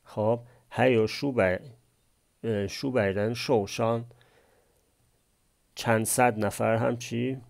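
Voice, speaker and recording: A man's voice: medium pitch, fairly even intonation, gravelly, long pauses, darkish tone. A man teaching a language class, explaining a text phrase by phrase and posing questions he then answers himself. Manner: asks and answers his own questions.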